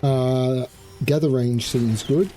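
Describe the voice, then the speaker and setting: A man's voice: mid-range voice, fairly even intonation, slow, music in the background. A man playing a video game, reading its story text aloud like a storyteller and adding offhand commentary. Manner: switches between storyteller reading and offhand remarks. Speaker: gaming video player.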